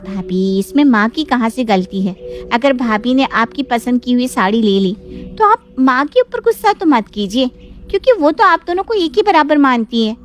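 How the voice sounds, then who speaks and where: A woman plays a peacemaking young sister-in-law in a cartoon story, coaxing and soothing. Her voice is very high, with faint music underneath. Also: very animated, normal speed. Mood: concerned.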